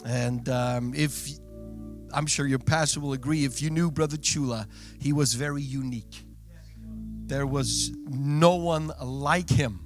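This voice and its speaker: A man's voice: medium pitch, steady tone, a little slow, music in the background. Belgian-accented man preaching a sermon. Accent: Belgian Dutch. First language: Dutch. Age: 30s. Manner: earnest preaching, warm asides to the congregation. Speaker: guest pastor. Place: church sanctuary.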